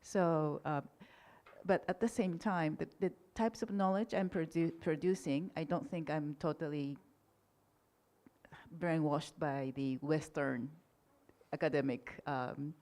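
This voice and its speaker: Answering questions from the audience at an academic conference, this woman, whose first language is Japanese, stays courteous and measured while leaning often on fillers. Her voice is low-pitched and slightly mellow.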